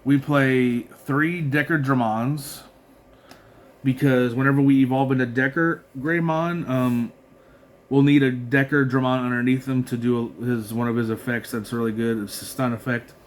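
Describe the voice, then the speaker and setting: A man talks through his card game deck in a loose, rambling way, reading effects aloud and often restarting mid-thought. His pitch sits in an ordinary middle range. A faint hiss of background noise runs under the recording. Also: little pitch movement, normal speed. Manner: rambling, filler-heavy, reads card text aloud with frequent restarts. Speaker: card game content creator. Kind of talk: casual deck walkthrough.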